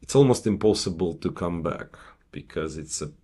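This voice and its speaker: A man with a low-pitched voice commentates live on chess. He talks conversationally and haltingly, working through his thoughts aloud as he goes. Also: expressive, warm tone, breathy edge.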